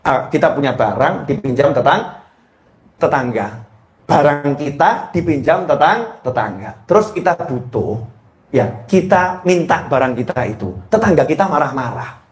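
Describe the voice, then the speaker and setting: A man voicing a patient young wife in a sermon story, speaking softly and calmly. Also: a little high, unhurried, roomy sound, pitched below the performer's own voice.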